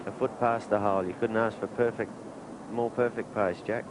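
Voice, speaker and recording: Lower-voiced male golf commentator. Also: steady tone, normal speed. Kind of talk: conversational expert golf commentary. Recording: noisy outdoor 1980s TV broadcast.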